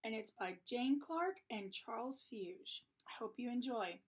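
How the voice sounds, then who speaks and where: A woman reading a children's picture book aloud in a lively, expressive way. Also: on the high side, unhurried. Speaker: storybook reader. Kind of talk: children's story read-aloud.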